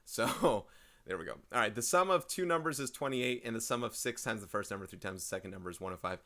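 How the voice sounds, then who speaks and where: A man teaching a casual video math lesson, chatty and thinking aloud, often clearing his throat and apologizing, speaking into a desk microphone. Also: on the low side, expressive, fast, a bit bright.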